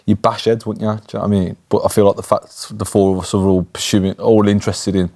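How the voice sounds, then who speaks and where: A man's voice: fairly low pitch, flat delivery, fast talker, darkish tone. A young man in his twenties with a Birmingham accent, a band member chatting casually as a guest and often asking "do you know what I mean?". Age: 20s. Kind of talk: casual chat.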